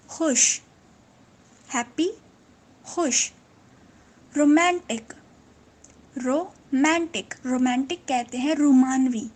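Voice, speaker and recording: A woman teaching English vocabulary, repeating each word slowly and clearly. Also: high-pitched. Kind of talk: vocabulary lesson.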